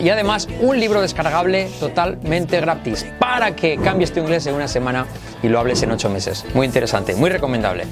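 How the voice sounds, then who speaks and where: A man teaching English pronunciation in a video lesson, repeating words slowly for practice. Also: sits high.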